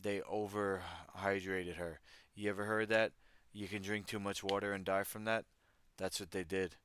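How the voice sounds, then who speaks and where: A man with a low, fairly bright voice hosts a livestream, speaking at a moderate pace with fairly even intonation. He reads news articles aloud and riffs on them, tossing wry, irreverent asides to his chat in casual commentary. Slight background noise is audible.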